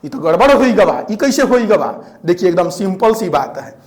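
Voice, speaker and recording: A man lectures on grammar in a strikingly high voice. He talks to his students directly and casually. He stops often to ask whether everything is clear. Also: sing-song, moderate pace, darkish tone. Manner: repetitive, checks understanding with frequent questions; colloquial, addresses students directly. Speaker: Hindi grammar teacher. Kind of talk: classroom lecture.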